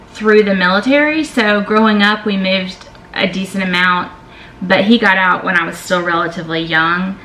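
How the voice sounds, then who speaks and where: A woman's voice: medium pitch, pushed and bright. A middle-aged woman with a Southern American accent, chatting casually as she answers tag questions in her vlog, emphatic and fond of saying y'all. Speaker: vlogger. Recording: echoey room with faint ambient noise.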